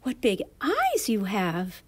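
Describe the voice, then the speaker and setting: A woman's voice: medium pitch, huge pitch swings, takes it slowly, slight background noise. A woman voicing an innocent, anxious little girl in a storybook, wide-eyed and quivering. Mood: nervous wonder.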